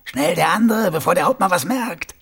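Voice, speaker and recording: A man voicing rough city guards who taunt a prisoner in raised, mocking voices. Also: high-pitched, expressive, moderate pace, fairly bright tone, pitched above the performer's own voice, exaggerated voice. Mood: hurried. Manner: taunting, brusque.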